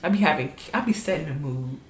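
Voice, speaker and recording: A woman hosting a podcast from home, talking loud, blunt and full of slang. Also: low-pitched, lively intonation, quick pace, a little hiss or hum. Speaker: podcast host. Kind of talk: casual chat. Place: home room. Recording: echoey room.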